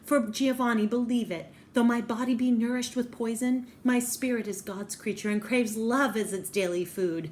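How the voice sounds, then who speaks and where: A woman's voice: on the high side, fairly even intonation, moderate pace, hardly any pauses, a little mellow, slight background noise, voice pushed up, natural voice. A woman voicing a lonely, heartbroken young woman who begs for pity in tearful, old-fashioned speech. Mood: pleading. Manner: tearful pleading.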